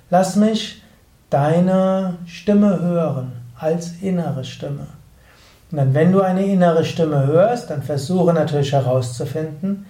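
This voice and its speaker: Slow, measured man in an echoey room. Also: fairly high pitch, warm tone. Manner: slow, measured, with drawn-out pauses. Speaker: yoga teacher and podcast host. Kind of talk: spiritual teaching talk. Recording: roomy echo, mic at a distance.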